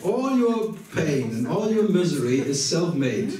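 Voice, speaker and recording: A man with a German accent giving a wry, paradoxical spiritual talk in English, paused for an interpreter. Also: a little high, big pitch swings, warm tone, a little hiss or hum. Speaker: spiritual teacher. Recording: echoey hall from far off.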